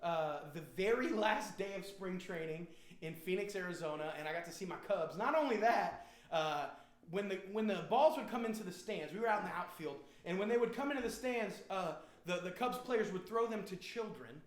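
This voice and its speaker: With a high, animated voice and a fairly quick pace, a man from Indiana jokes around with viewers while hosting a band's live stream. He's playful and slangy, wandering from story to story. The audio has an echoey, roomy quality.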